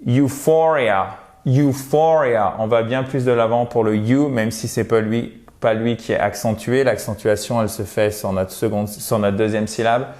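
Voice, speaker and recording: A man's voice: lowish voice, flat delivery, a little mellow. A man teaching English pronunciation in a video lesson, encouraging and talking straight to his viewers. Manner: slow, drawn-out English model words; encouraging, addresses viewers directly.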